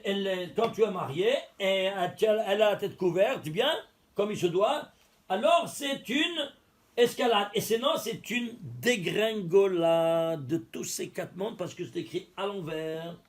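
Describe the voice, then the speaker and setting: A man giving a religious text lesson, explaining step by step, counting letters aloud and asking and answering his own questions. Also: high voice. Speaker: teacher.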